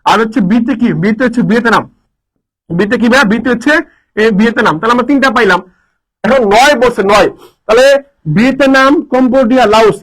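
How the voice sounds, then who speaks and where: A man teaching a live online lesson, energetic, repeating answers and quizzing his students. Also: very high voice, low-quality recording. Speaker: admission coaching teacher.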